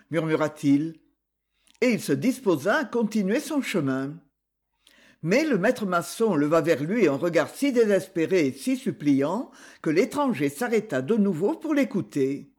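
A man reading an adventure novel aloud as an expressive audiobook narrator. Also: sits high. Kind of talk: scripted narration.

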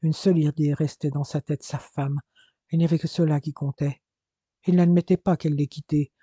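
Husky-voiced man narrating an audiobook. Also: a little high, steady tone, normal speed, dark tone, dry recording. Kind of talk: scripted narration. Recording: dull, dry lo-fi recording.

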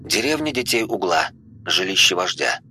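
A man narrating a fantasy audiobook in a steady, measured reading. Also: low-pitched.

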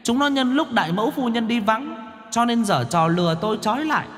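A man voicing a small, indignant child spirit in a spoken ghost story, shouting accusations in a high, rapid voice. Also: animated, big-room sound. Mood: shrill accusing.

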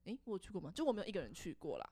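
A young woman, co-hosting a casual podcast and reacting with quick, lively comments. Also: mid-range voice, no room sound. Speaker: podcast co-host.

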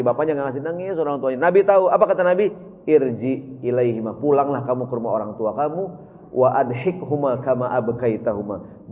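A male preacher, telling a story to his congregation in a lively, animated way. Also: mid-range voice. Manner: storytelling, addresses congregation repeatedly. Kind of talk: sermon. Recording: tinny, phone-like, long hall reverb.

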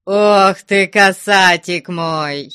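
A woman's voice: deep voice, sing-song, slow, sharp tone, dry recording, studio quality, full character voice. A woman reading aloud and voicing a jovial old male abbot who fusses over his guests in a sing-song, doting manner. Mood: fond exclaiming.

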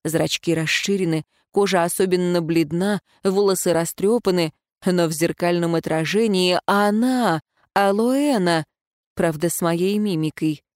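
A woman reading a first-person story aloud in an even, reflective narration. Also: lowish voice, measured pace, no echo, studio quality. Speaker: audiobook narrator.

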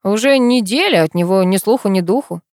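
A woman's voice: mid-range voice, animated, fairly quick, darkish tone, dry recording, close to an everyday voice. Woman reading a teasing male friend. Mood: matter-of-fact. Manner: dry, teasing, grumbling.

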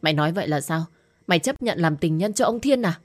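A woman voicing a young woman who is the blunt, worried best friend, talking fast and scolding. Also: on the low side, lively intonation, faint music behind.

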